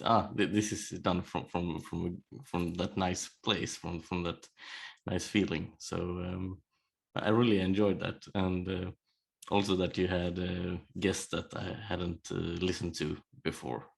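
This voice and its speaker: A man hosting a casual interview, speaking haltingly with many hesitations and repeated false starts. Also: sits low, gravelly. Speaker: podcast host.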